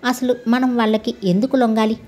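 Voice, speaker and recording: Woman reading a settled older householder who calms the young folk down. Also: fairly high pitch, fairly quick, natural voice. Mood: calming. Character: older landlord father, calm and fatherly.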